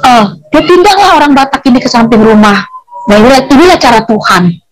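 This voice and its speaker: This woman has a high, lively voice and talks briskly on a rough recording. Recounting her faith journey, she's emotional and conversational, slipping into local slang, her voice now and then cracking with tears.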